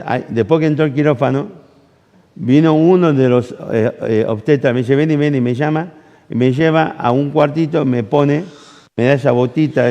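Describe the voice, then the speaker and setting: A man with an Argentine accent, speaking at a medium pitch, delivers a sermon built around a personal anecdote. He plays out the dialogue and quizzes the congregation as he goes. His voice carries a long reverb from a large hall. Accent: Argentine Rioplatense Spanish. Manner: animated storytelling, acts out dialogue, asks the audience questions. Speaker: pastor. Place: church camp hall.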